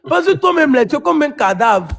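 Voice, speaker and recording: A man's voice: very high voice, very animated, brisk, creaky, a bit bright, slight background noise. A man in a heated live-stream argument, pleading to be heard and trading insults.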